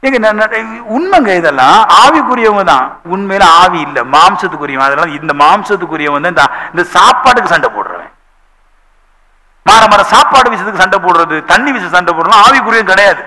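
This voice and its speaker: A male pastor preaching a sermon in a church, telling lively stories and acting out the voices of the people in them. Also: sits high, brisk, low-quality recording.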